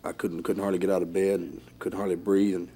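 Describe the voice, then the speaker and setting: A male wrestler answering interview questions haltingly, often repeating his words. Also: deep voice, flat delivery, mellow. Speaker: wrestler guest.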